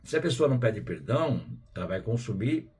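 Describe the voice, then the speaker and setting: A man with a Brazilian Portuguese accent hosting a spiritual program, talking in a relaxed, conversational way with frequent tag questions and quiet asides. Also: lowish voice, fairly quick, breathy edge. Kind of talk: casual spiritual talk.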